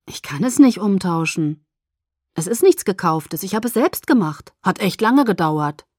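A woman's voice: medium pitch, animated, measured pace, a little mellow, dry recording, clean studio sound. A woman reading the part of a teenage werewolf boy in a novel, teasing at first, then muttering and sarcastic.

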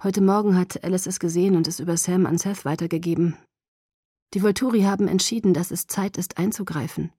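A woman voicing a young male vampire from an audiobook, calm and protective but tense underneath. He speaks low and hushed, as if through gritted teeth. The recording is close and dry. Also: a little fast, slightly rough, no room sound. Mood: quiet, grave. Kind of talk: audiobook character voice.

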